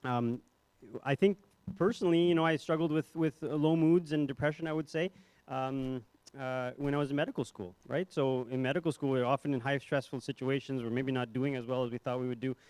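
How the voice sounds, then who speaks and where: A man's voice: mid-range voice, fairly even intonation, brisk, a little mellow, clean tone, no room sound. A young man, a psychiatrist, giving a conference talk in a ballroom with a handheld mic, conversational and self-deprecating, with many fillers and restarts. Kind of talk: conference presentation. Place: hotel ballroom.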